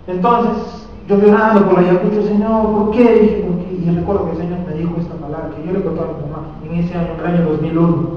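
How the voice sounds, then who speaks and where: A young man in his late twenties with a Peruvian accent, preaching a sermon and telling emotional stories, often swelling loud on key phrases. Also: sits high, steady tone, fast, hardly any pauses. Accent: Peruvian Spanish. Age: late 20s. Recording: echoey hall recorded from far off, dull.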